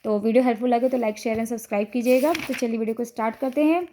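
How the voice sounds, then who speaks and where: ऊँची, मधुर आवाज़ वाली महिला शिक्षिका. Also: female voice, fairly high pitch, steady tone, fast, mellow, a little hiss or hum. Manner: patient, step-by-step explaining with frequent "ठीक है" checks. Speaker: teacher explaining phonics to parents. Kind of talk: explanatory lesson to camera.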